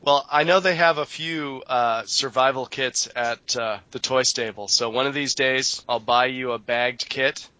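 A man's voice: medium pitch, fairly even intonation, a little slow, hardly any pauses, sharp tone, muffled recording. A man in casual, jokey, rambling conversation as a podcast panelist. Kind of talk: casual hobby podcast chat.

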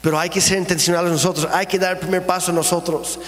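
A man's voice: high-pitched, level tone, fast, fairly bright tone, big-room sound. A man preaching a sermon in earnest, emphatic style, asking his congregation rhetorical questions. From not from here, speaks with an accent. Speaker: pastor. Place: church auditorium.

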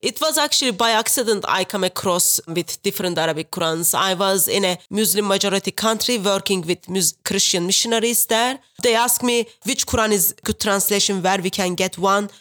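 A woman from Turkey with a Turkish accent, Turkish her first language, telling her story as a guest over a video call in an earnest, measured way. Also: medium pitch, fairly bright tone. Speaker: guest, street preacher. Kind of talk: interview, personal account.

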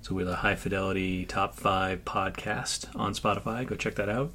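Brief: male podcast host, slightly low voice, casual rambling delivery, faint room noise. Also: steady tone, moderate pace, bright, forceful tone. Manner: laughing, rambling storyteller.

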